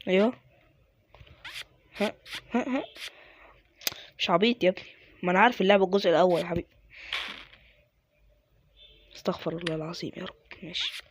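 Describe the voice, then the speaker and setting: Racing along in a high voice with frequent pauses, this Egyptian-accented man gives casual game commentary over a faint hiss or hum. He grumbles under his breath, pokes fun at his own errors, and erupts in sudden frustration, as a gaming YouTuber would.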